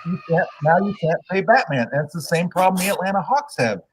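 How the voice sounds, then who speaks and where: A man guesting on a sports podcast, telling opinionated stories in a casual, animated way. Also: sits high, a little fast, a little hiss or hum, rough recording.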